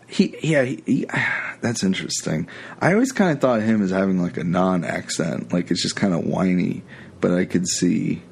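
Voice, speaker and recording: A man's voice: deep voice, lively intonation, normal speed, creaky, husky. A man co-hosting a podcast, reacting casually and swearing now and then. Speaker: podcast co-host. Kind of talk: casual chat.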